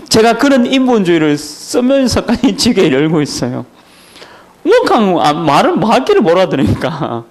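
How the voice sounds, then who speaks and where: A man pastor from Daegu with a Gyeongsang accent, preaching a sermon at a church training session in a joking, storytelling way with chuckles. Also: sits high. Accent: Daegu Gyeongsang dialect. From Daegu, South Korea.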